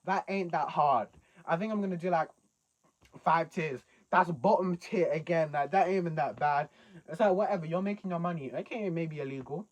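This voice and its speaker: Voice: medium pitch, brisk. A young British adult chatting casually as a video host, reacting to confessions with slangy, incredulous rhetorical questions.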